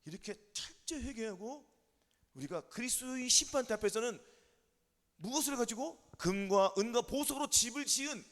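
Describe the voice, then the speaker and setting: A man preaching an emphatic sermon as pastor, drilling his listeners with quick yes-or-no questions and calls of amen. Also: extremely high pitch, expressive, a bit bright, long reverb tail.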